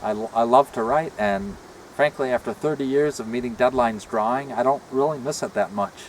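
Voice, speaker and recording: A man's voice: medium pitch, moderate pace, slight background noise, poor audio. Man talking from one side of his mouth. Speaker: retired comic book artist showing a car. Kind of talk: casual rambling chat. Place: outdoors beside a parked car.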